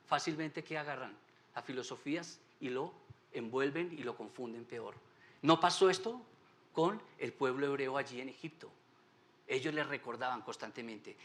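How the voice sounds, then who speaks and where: A man's voice: a little high, a bit bright. A man teaching a Sunday Bible class at church, often putting rhetorical questions to his listeners. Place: church meeting room.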